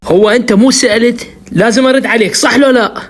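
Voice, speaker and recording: A man speaks at a rapid clip as a caller in a religious debate. He is insistent and keeps pressing for room to explain his side. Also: very high-pitched, fairly even intonation. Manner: insistent, pleading for a chance to answer.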